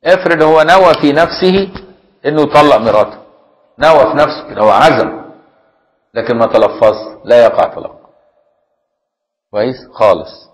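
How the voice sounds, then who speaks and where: An Egyptian man teaching a religious lesson in a mid-pitched voice. He moves between reading a classical legal text and plain colloquial explanation. He often stops to ask his listeners if they have followed. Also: expressive, moderate pace, long pauses, rough recording. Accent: Egyptian Arabic. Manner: reads a classical text, then glosses it in colloquial speech. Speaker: Islamic jurisprudence teacher.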